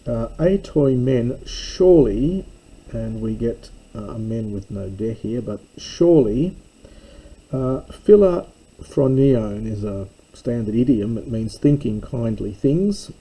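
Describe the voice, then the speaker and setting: A man reading an ancient Greek text aloud and translating it line by line, in a careful, halting way with many pauses and fillers. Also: medium pitch, expressive, mellow, slightly rough, poor audio. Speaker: classics teacher.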